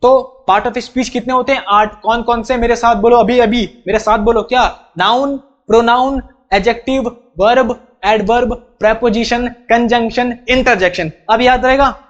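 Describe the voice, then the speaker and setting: A man with a very high-pitched voice teaches a grammar lesson with insistent energy. He fires questions at his students, answers them himself and drills terms over and over. The recording sounds muffled and lo-fi. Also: steady tone, measured pace, hardly any pauses. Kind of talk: classroom-style grammar lesson.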